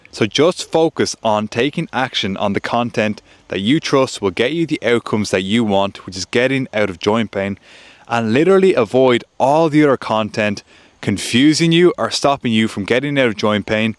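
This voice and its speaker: A man's voice: mid-range voice, lively intonation, normal speed, no echo. Earnest man giving advice, dry sound. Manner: earnest, repetitive emphasis. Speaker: joint pain coach and content creator. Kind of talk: direct-to-camera advice with a story.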